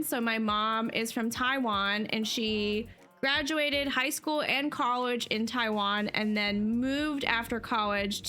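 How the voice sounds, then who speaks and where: A New Jersey woman livestreaming talks to her chat in a high, bright, forceful voice. She rambles chattily, filling gaps with fillers and laughter.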